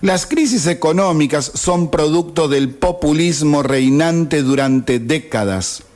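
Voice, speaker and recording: A man's voice: a little high, slow, a little mellow. A man in his fifties with an Argentine accent, reading a sarcastic opinion editorial on radio. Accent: Argentine Spanish. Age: 50s. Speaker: radio host. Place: radio studio.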